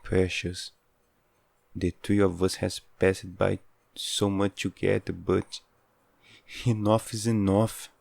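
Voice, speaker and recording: A man's voice: deep voice, flat delivery, slow pace, vocal fry, a little mellow, dry recording, exaggerated voice. A man playing an obsessive, hot-headed, possessive yandere lover with intense, pleading devotion in a dramatic audio role-play. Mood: grudging, weary.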